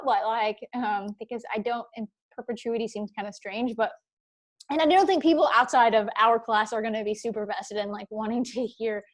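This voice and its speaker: A woman teaching a university class over a video call. She talks casually and rambles, with lots of fillers and playful asides. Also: a little high. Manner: chatty, rambling, many fillers; playful, sings snatches. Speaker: university instructor. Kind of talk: casual online lecture. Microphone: computer mic on video call.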